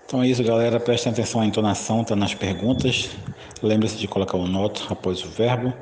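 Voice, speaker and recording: A man's voice: on the low side, fairly even intonation, quick pace, a little mellow, slight background noise. A man teaching a recorded grammar lesson, explaining step by step with frequent checking tags. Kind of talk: recorded English grammar lecture. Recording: echoey room with faint ambience.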